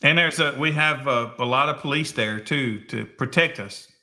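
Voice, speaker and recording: A man's voice: mid-range voice, normal speed, sharp tone. A man hosting a casual live-stream chat in an easygoing, folksy way. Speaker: show host.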